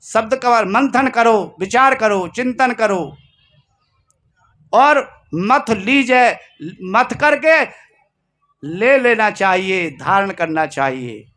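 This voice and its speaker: Slow, unhurried male preacher. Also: sits high, animated, fairly bright tone. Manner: slow, storytelling, repeats lines for emphasis. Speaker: spiritual teacher. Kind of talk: sermon.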